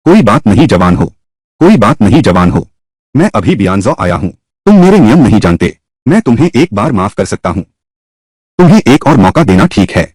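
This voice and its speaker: A man voicing a greedy, husky-voiced corrupt governor. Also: fairly low pitch, sing-song, moderate pace, darkish tone, dry recording. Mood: menacing. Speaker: dubbing voice actor. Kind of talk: Hindi dub of a Chinese short drama.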